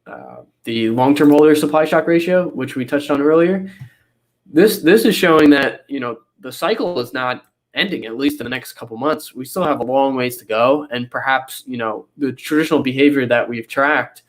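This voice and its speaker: His cold leaves him sounding nasal as this young guest analyst explains charts over a video call. It's a casual interview, and in his mid-range voice at a normal speed he rambles with many fillers and restarts.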